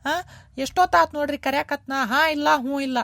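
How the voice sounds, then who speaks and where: With a steady tone, brisk pace, vocal fry, and a fairly bright sound, a woman plays a cartoon's nagging older mother-in-law. She complains shrilly and repetitively in a North Karnataka Kannada accent, in echo-free studio audio.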